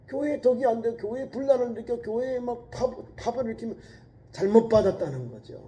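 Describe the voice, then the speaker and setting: A man pastor delivering a sermon, preaching emphatically with repeated exhortations and swinging between raised urgent lines and low quiet asides. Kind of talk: sermon at a midweek prayer service.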